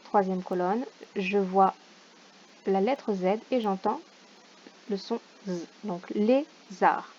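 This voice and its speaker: Slow, deliberate woman teacher. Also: mid-range voice, a little mellow, dull audio, slight background noise. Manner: slow, deliberate, sounds out words syllable by syllable. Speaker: primary school teacher. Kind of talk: recorded homework correction for parents.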